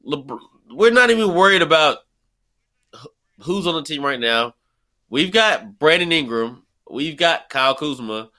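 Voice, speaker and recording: A man's voice: a little high, expressive, measured pace, sharp tone. A man co-hosting a sports talk show, lecturing and dismissive as he argues his point. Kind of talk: heated sports debate.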